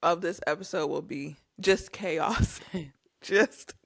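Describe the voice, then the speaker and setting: A woman's voice: on the low side, slow pace, creaky, dry recording. A woman co-hosting a podcast in casual chat, blunt and teasing, with slangy phrasing. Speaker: podcast co-host.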